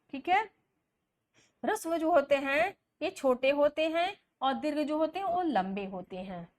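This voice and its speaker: A woman lecturing as a language teacher, her voice pitched high. She moves at a slow, deliberate pace, listing sounds one by one and posing questions she then answers herself. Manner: explains step by step, asks questions then answers them. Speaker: Hindi teacher. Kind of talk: classroom lecture.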